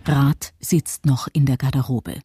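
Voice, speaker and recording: A man's voice: medium pitch, fairly even intonation, unhurried, dark tone, husky, dry recording, studio quality, soft background music. A man reading scripted audio description of a film as narrator.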